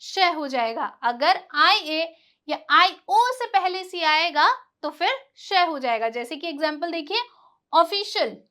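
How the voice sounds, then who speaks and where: High, bright-voiced woman teaching. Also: expressive. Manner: asks questions and answers them herself, repeating words slowly. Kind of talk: classroom-style lesson.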